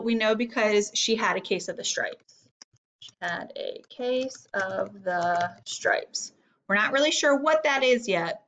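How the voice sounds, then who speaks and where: A woman teacher with a mid-range, slightly bright voice reads a storybook aloud. She guides children through the lesson with instructive questions.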